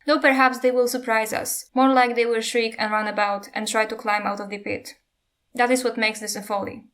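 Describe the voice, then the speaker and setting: A woman reading as a smooth, placating king. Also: high-pitched, flat delivery, brisk, a bit bright.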